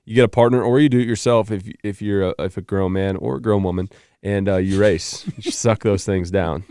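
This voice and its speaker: Guy in his 30s cohosting a football podcast, joking around, smooth voice. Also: lowish voice, fairly even intonation, dark tone, no echo, studio quality. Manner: joking, quick banter. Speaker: podcast co-host. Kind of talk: casual sports chat.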